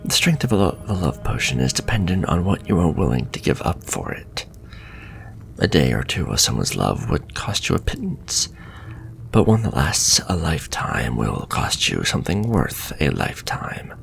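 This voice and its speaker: In a fantasy ASMR roleplay, a man voices a suave, sinister, flirtatious warlock shopkeeper, courteous and soft-spoken with breathy whispers. The voice is extremely low, very animated, at a moderate pace, fully in character, sly and bargaining, with a little hiss or hum.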